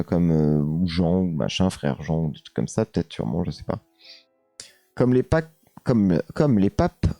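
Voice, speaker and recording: A man's voice: fairly low pitch, warm tone, no room sound. A man with a French accent hosting a casual live stream, hesitant with many fillers, reading chat comments aloud and answering them.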